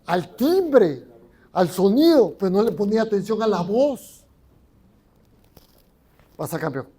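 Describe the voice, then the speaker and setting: A man's voice: high-pitched, very animated, unhurried, warm tone, breathy edge. A Mexican man preaching a sermon as pastor in a church, often asking the congregation questions. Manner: conversational, asks the congregation questions.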